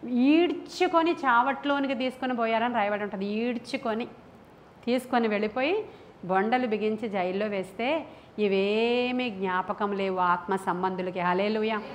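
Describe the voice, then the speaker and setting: A woman's voice: medium pitch, normal speed, a little hiss or hum. A woman pastor preaching to a congregation in a church, impassioned and emphatic, full of rhetorical questions and repeated phrases. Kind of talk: sermon.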